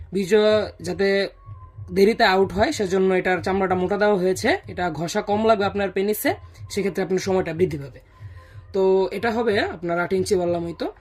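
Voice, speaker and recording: A seller with a husky voice giving a casual, explanatory product demonstration and often checking in with listeners. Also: mid-range voice. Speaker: product seller presenting a sales video.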